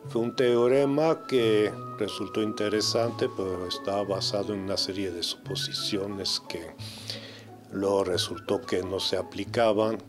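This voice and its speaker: A man's voice: lowish voice, steady tone, measured pace, over music. A man giving an unscripted explanation as an interviewed expert.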